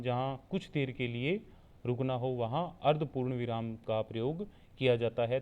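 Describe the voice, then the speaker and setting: A man giving a steady explanatory online lecture as a teacher-training instructor, repeating points so students can take notes. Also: mid-range voice, smooth. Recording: tinny phone-like recording.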